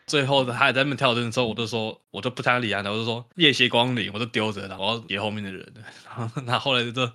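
A young man with a Taiwanese Mandarin accent, telling stories as a podcast co-host in an animated way, often laughing. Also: mid-range voice, fairly quick. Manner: animated retelling, acts out quotes, frequent laughs. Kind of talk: casual chat, storytelling.

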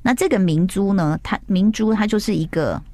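Animated woman host recapping a drama. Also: mid-range voice, normal speed, dry recording. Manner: animated storytelling, acts out quotes. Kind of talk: casual chat.

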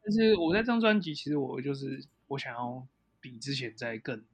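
Singer guy in an interview, kinda husky, higher voice, dry mic, restarts sentences. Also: fairly quick, dry recording. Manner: reflective, stops and restarts. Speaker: band singer, guest. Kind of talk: casual interview chat.

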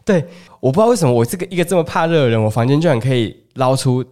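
A man's voice: mid-range voice, animated, rapid-fire, a little mellow. A man with a Taiwanese Mandarin accent, co-hosting a podcast in casual chat and telling family stories with acted-out dialogue. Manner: chatty storyteller who acts out family dialogue. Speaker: podcast co-host.

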